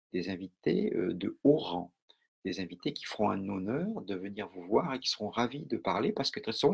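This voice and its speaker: Un homme avec un accent français donne un cours en direct sur le mentalisme, d'un ton calme et posé, avec beaucoup de pauses et d'hésitations. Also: male voice, medium pitch, creaky, husky. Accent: French. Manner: calm, measured, with many pauses and fillers. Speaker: mentalism teacher. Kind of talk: live online lesson.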